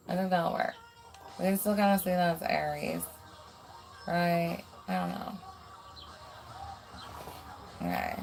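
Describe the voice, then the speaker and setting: Casual, swearing woman tarot reader. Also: fairly low pitch. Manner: chatty, swears freely, many fillers like "um" and "like". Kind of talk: casual live tarot reading.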